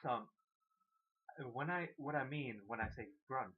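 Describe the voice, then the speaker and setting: A man explaining beatboxing step by step in a casual, halting way, often restarting his sentences. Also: medium pitch, slightly rough, narrow, tinny audio. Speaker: beatbox tutor. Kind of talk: casual how-to demonstration.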